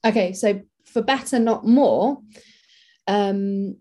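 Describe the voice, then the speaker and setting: A woman's voice: medium pitch, takes it slowly, dark tone. A woman, a makeup artist, talking casually and practically in an interview, with many fillers.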